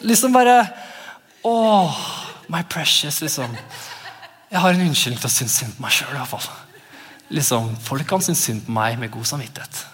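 A male pastor in his thirties giving a lively, conversational sermon, sometimes acting out voices in his exclamations. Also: medium pitch. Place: church. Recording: long church reverb.

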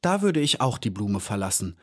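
A man reading an audiobook and voicing a small, eager young female bee who talks with breathless excitement. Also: lowish voice, moderate pace, no echo, studio quality.

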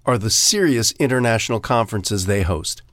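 Lively man co-hosting, dry close sound. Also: lowish voice, a little fast, dry recording. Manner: upbeat, lively storytelling. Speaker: co-host. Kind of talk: scripted radio feature.

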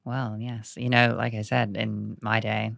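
A man's voice: on the low side, flat delivery, a little slow, vocal fry, fairly bright tone. A man playing a tabletop game in character as a formal, haughty, old-fashioned ghost knight. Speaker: player.

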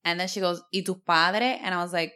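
A woman's voice: fairly low pitch, fairly quick, pushed and bright, clear, resonant tone. A middle-aged woman from Miami, a podcast co-host telling stories in casual chat, quoting people she meets and laughing often. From United States (Miami). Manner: chatty storyteller, quoting others, laughing often.

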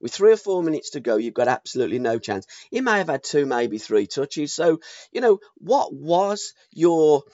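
Lively, higher-voiced British man hosting football talk. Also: moderate pace, no room sound. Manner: opinionated, poses pointed rhetorical questions. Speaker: host. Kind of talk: casual football discussion. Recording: dull, dry close recording.

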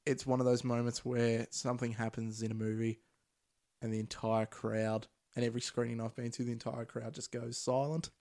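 Swearing, animated male podcast host. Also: mid-range voice, normal speed. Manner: swears freely, laughs and animated. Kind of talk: casual chat.

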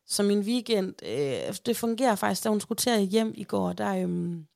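Woman in her thirties, casual podcast chat, animated storyteller, gravelly voice. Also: medium pitch, dry recording, clean studio sound. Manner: chatty, animated, acts out quotes. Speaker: podcast host.

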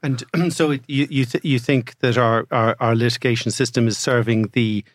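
Halting man asking questions, dry sound. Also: medium pitch, fairly even intonation, no room sound. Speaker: co-host. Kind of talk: conversational interviewing.

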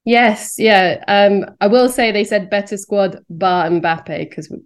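A woman's voice: medium pitch, steady tone, slow pace. A woman giving a thoughtful, hedging take on football. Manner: thoughtful, hedging, many fillers. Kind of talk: casual commentary.

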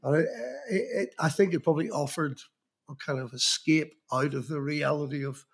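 Fairly quick and on the high side, this Belfast man's voice has a breathy edge and fairly even intonation. In his fifties, the Northern Irish magazine journalist rambles anecdotally as an interview guest about his beginnings in music journalism, restarting often.

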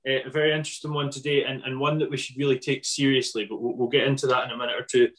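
A man's voice: medium pitch, little pitch movement, rapid-fire, a bit bright. A man hosting a podcast casually, talking in a rambling, hesitant and self-deprecating way. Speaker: podcast host.

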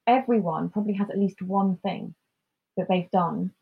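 A woman co-hosting a podcast in casual chat, talking in an animated way and acting out quotes in mock voices. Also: mid-range voice, normal speed, creaky, husky, narrow, tinny audio. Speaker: podcast co-host.

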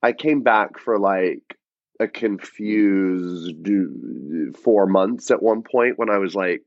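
A man's voice: low voice, lively intonation, takes it slowly, gravelly, dry recording. A man from Georgia in casual chat, rambling and full of fillers like "like". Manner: rambling, filler-heavy with many likes. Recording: dull lo-fi sound.

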